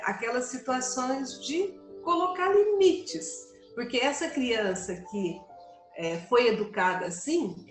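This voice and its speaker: A woman co-hosting a spiritist book study, explaining her points calmly with everyday examples. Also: on the high side. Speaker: study group host. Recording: roomy sound with soft music.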